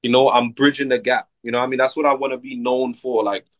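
A man's voice: mid-range voice, fast talker, dry recording, low-quality recording. Laid-back man with a lilt. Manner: relaxed, laid-back, many fillers like "like" and "you know what I mean". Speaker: soca artist guest. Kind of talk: casual interview chat.

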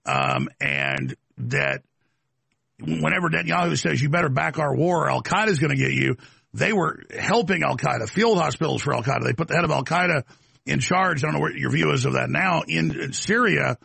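Male host, very gravelly, bright cutting tone, heated pressing questions, stammering restarts. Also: on the high side, expressive, normal speed, dry recording. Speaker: talk show host. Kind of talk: pointed interview questioning.

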